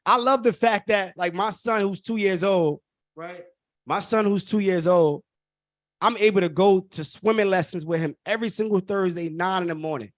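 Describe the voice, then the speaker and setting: A high-voiced man, hosting a live online workshop. He drives his points home through emphatic repetition and keeps calling the audience y'all. The sound is dry and close, with no room around it. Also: moderate pace, no room sound. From Brooklyn. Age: 30s. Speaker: workshop host.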